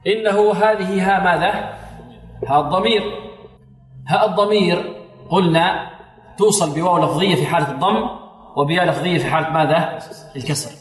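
A man's voice: sits high, a little fast, pauses often. A man teaching Quran recitation. He asks his students questions, answers them himself and chants short demonstrations. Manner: asks the class questions and answers them, repeats a blessing often. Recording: roomy hall with long reverb.

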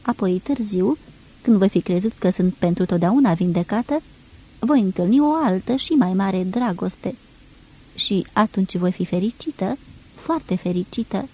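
A woman reading an audiobook, voicing a tender, fearful young woman in love with a soft, pleading manner. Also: medium pitch, lively intonation, husky, low-quality recording.

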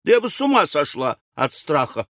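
Guy reading as a shrill fussy old widow, squeaky and jumpy, dry close sound. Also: measured pace, no room sound. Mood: complaining. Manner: shrill, excitable. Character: fussy anxious older widow woman. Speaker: audiobook character. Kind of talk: audiobook character reading.

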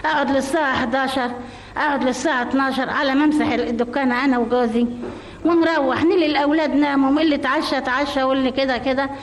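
An Egyptian woman in her fifties speaks in a high, quick, plain-spoken way. She is on an old radio broadcast with a long echo and a faint hiss behind her. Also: steady tone. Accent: Egyptian Arabic. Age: 50s. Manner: plain-spoken, colloquial, often asks to have questions repeated. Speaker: interviewee, shoe repairer. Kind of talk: radio interview. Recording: old radio broadcast, reverberant and slightly noisy.

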